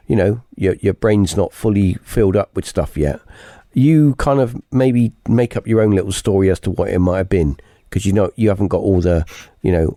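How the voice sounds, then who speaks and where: A male podcast host talks in a casual, rambling and jokey way, often restarting his sentences. His voice sits somewhat low and sounds mellow and dark. The recording is dry and close. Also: no echo. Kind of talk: casual chat.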